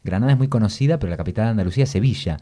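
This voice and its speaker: A middle-aged Argentine writer being interviewed, speaking in a reflective, anecdotal way with an accent that shifts between Argentine and Spanish from Spain. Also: male voice, fairly low pitch, expressive, rapid-fire, warm tone. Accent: Argentine Spanish mixed with Spanish from Spain. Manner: reflective, anecdotal, tag questions, swings between two accents. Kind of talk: relaxed conversational interview.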